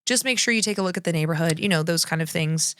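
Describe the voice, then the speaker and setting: A woman co-hosting a podcast speaks quickly in a low-leaning, slightly bright voice. She's eager about food and travel in this casual chat, though her sentences often fade out and start over.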